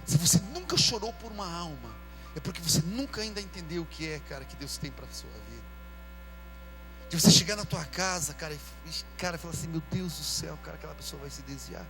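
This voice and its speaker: A man preaching a sermon as pastor, in a casual, slangy way, calling out to his church and shouting when he acts out people. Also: fairly high pitch, lively intonation, brisk, soft background music, low-quality recording. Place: church service with music behind.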